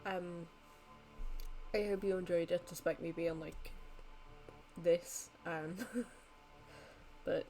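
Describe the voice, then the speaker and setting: Young female streamer, worn out, rambling casual sign-off, slightly low pitch. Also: fairly even intonation, takes it slowly, long pauses, dark tone, faint music behind, rough recording. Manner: rambling, many ums and likes. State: tired. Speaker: live streamer. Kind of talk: casual end-of-stream chat.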